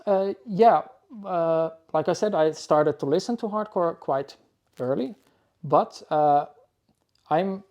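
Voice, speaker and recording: On a podcast, a Finnish DJ in his forties, whose first languages are Finnish and Dutch, is interviewed as a guest. His voice is on the high side with a darkish tone, and he talks haltingly and thoughtfully, often restarting.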